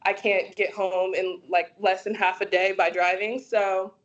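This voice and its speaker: A woman's voice: medium pitch, little pitch movement, a little slow, dull audio. A young woman from Georgia, an optometry student, talking casually with many ums over a video call. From Georgia, USA. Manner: soft-spoken, frequent ums and likes. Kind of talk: webinar guest sharing experience.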